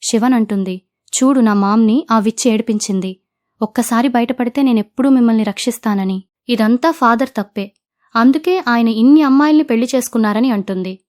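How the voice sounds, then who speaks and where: A woman retelling the plot of a fantasy drama, quoting each character in her own steady narrating voice. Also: fairly high pitch, a little fast.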